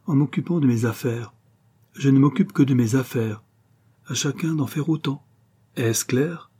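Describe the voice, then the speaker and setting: A man's voice: mid-range voice, a little slow, mellow, breathy edge, voice pushed up. A man reading aloud and voicing an arrogant male film star who speaks coolly and curtly. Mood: disdainful. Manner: cool, disdainful, curt.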